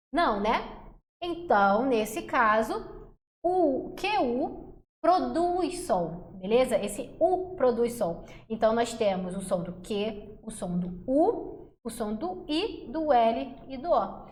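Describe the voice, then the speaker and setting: High-voiced woman teacher, echoey room. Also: big pitch swings. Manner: chatty, checks in constantly with the class; sounds out letters and syllables slowly. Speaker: Portuguese teacher. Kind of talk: exam-prep lesson at a whiteboard.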